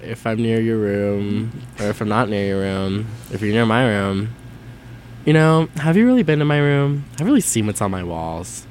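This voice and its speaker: Hesitant nineteen-year-old guy, low voice. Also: animated, moderate pace, a little mellow, slight background noise. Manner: hesitant, full of ums and likes, laughing often. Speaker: guest being interviewed. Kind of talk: casual chat among college friends.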